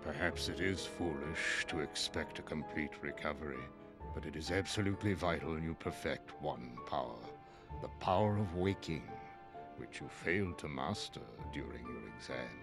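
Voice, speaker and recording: An actor playing a stern, wise old wizard master in a video game, speaking formally and with measured gravity. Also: male voice, very deep voice, music in the background. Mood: grave. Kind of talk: video game cutscene acting.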